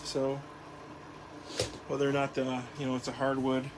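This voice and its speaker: A man's voice: mid-range voice, monotone, moderate pace. A man casually demonstrating a saw, talking hesitantly with many ums and uhs. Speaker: woodworking channel host. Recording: loud background noise.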